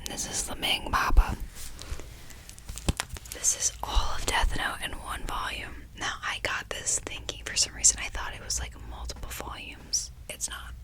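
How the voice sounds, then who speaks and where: A woman whispers in a breathy voice, chatting in a casual, rambling, slangy way for ASMR. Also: normal speed, poor audio. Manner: informal, slangy, sweary, rambling. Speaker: ASMR video host. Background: nail tapping and page fluttering.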